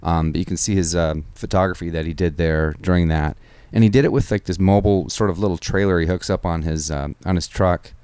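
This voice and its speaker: A podcast host from Washington State rambles casually in an interview chat, often saying "man" and "dude" and swearing, recorded dry in a photo studio. His low, darkish, smooth voice keeps fairly even intonation and moves a little fast with hardly any pauses.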